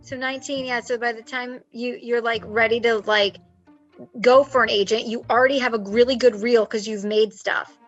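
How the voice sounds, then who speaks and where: A woman's voice: on the high side, steady tone, moderate pace, highs cut off, faint music behind. A woman acting coach chatting animatedly on a video call, giving advice with lots of fillers. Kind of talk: casual advice chat. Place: home, with construction noise outside.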